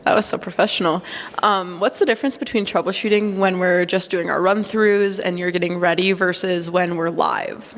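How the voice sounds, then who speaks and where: A woman's voice: on the low side, steady tone, normal speed, a little hiss or hum. A young woman interviewing classmates in a casual behind-the-scenes chat, upbeat and teasing. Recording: roomy echo with crowd chatter.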